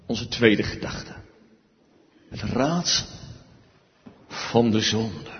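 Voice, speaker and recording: A man preaching a sermon slowly and emphatically, swinging between hushed and loud passages. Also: on the low side, lively intonation. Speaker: pastor. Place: church. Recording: dull sound with long church reverb.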